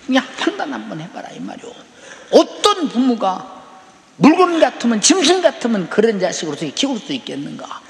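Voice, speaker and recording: A man's voice: very high-pitched, wildly swooping pitch, brisk, gravelly. A man preaching a sermon as pastor, with emphatic rhetorical questions and frequent prompts to the congregation. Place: large church sanctuary. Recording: echoey church hall with long reverb.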